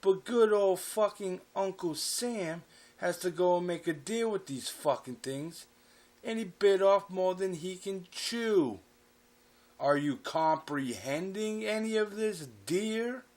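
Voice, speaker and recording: A man's voice: high voice, animated, slow pace, voice pushed up. A man doing a drunk raging dad. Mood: ranting. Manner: shouting, profane. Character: drunk furious middle-aged father ranting.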